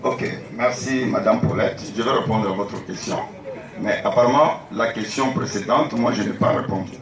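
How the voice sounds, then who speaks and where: A man stands as a party candidate and argues with firm, mounting emphasis. His voice sits at a middle pitch. It rings through an echoing meeting hall, picked up from some way off. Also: moderate pace, crowd noise. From Congo. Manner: emphatic, rising to animated insistence. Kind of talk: political debate. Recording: echoey hall from far off.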